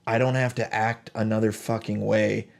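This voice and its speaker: Podcast co-host, male, low fry-edged voice, flat delivery, thoughtful and hesitant. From United States. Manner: reflective, halting with many fillers. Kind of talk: casual chat.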